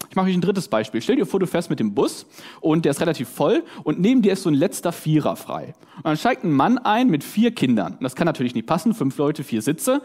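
Man, sermon, animated and fairly high voice, chatty delivery. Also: fairly quick, breathy edge. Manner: lively, conversational, acts out voices in his examples; tag questions "ja?" and "ne?". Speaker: preacher.

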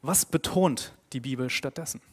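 A man preaching a sermon in an earnest tone, growing emphatic on his main points and dropping quiet and slow on key phrases. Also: mid-range voice, husky. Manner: earnest, grows emphatic and louder when stressing points.

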